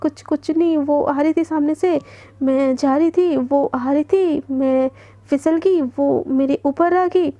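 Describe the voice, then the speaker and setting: A woman's voice: high voice, fairly even intonation, slow, dark tone, dry recording, lo-fi sound. A woman voicing Anaya, a shy, flustered young woman who stammers nervously in a storybook tale.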